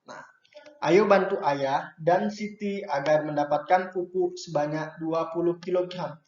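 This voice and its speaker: A fairly high-voiced man patiently walks young children through a workbook lesson, pausing with small checks as he goes. The sound is roomy and echoey, with a dull, lo-fi edge. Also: fairly even intonation, a little mellow, a little hiss or hum. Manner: patient, adds "ya" and "nah" to checks and turns. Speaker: primary school teacher.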